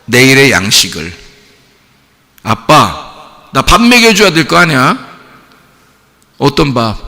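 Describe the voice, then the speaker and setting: A male pastor preaching a sermon, his bright, gravelly voice swooping up and down. He moves between quiet, close musing and loud, pleading outbursts. The sound carries a long reverb from the church hall. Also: mid-range voice, sing-song, slow. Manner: shifts from quiet musing to shouted childlike pleading. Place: church sanctuary.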